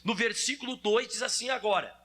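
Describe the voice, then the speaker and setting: High, bright-voiced man preaching. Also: brisk. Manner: preaching with acted-out examples and direct address. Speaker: pastor. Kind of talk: sermon.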